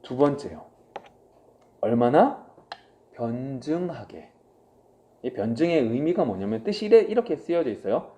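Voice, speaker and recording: A middle-aged male pastor preaching a sermon. He swings from loud acted inner voices to soft, low asides, and he asks the congregation questions and answers them himself. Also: very animated, unhurried, long pauses.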